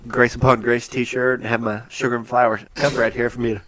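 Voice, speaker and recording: A man's voice: medium pitch, fairly quick, slight background noise. A man chatting as a podcast guest, telling stories with frequent laughter. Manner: laughs often, animated storytelling. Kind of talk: casual chat.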